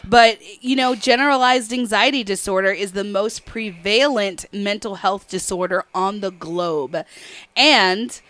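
Slow-talking woman, candid chat. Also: mid-range voice, a bit bright, dry recording. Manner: open and reflective, laughs often. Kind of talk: casual podcast chat.

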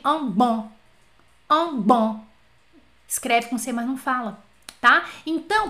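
A Brazilian woman teaching French on a casual live stream, telling anecdotes in a chatty, animated way and talking straight to her viewers. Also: a little high.

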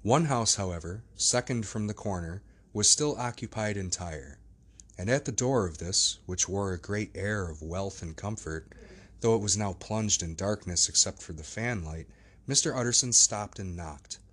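A man narrating a classic novel as an audiobook, in measured, steady storytelling. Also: lowish voice, husky.

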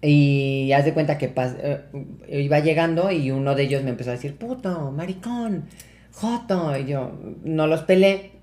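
A young man with a Mexican Spanish accent, telling a personal story as a podcast guest in a casual, animated way, acting out the voices of the people in it and swearing freely. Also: mid-range voice, moderate pace. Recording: roomy echo.

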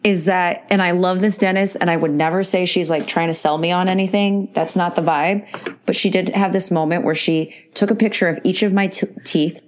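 A woman's voice: lowish voice, steady tone, brisk. A woman in her forties co-hosting a podcast, chatting candidly and animatedly with plenty of swearing. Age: 40s. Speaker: podcast co-host. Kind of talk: casual chat.

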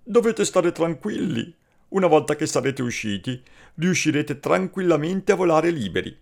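A man voicing a friendly, confident female swallow in a storybook tale, coaxing and lively. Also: a little high, normal speed, gravelly, pitched above the performer's own voice. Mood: encouraging.

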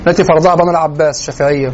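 A male lecturer with an Egyptian accent, talking quickly in a fairly high voice. He swings between colloquial and formal Arabic and keeps quizzing his class. The recording is dull and lo-fi, with a faint hiss underneath. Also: steady tone. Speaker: lecturer in Quranic sciences.

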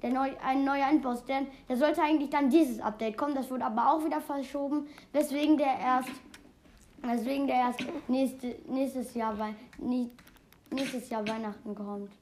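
Woman playing a video game, high voice, excitable running commentary, faint background hiss. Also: moderate pace. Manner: excitable, keeps exclaiming "Junge"; rambling with restarts and fun facts. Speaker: let's play host. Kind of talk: casual gaming commentary.

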